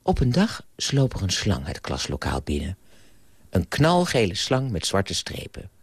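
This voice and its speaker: A man reading a children's story aloud on the radio, with an animated, playful delivery, then reflecting on it. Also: low voice, measured pace, breathy edge, no room sound. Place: radio studio.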